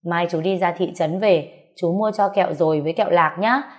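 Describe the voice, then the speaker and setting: A woman voicing a kind young village man who gently coaxes a frightened little girl in a storybook reading. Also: on the low side, brisk, natural voice. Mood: gentle coaxing. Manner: gentle, coaxing questions.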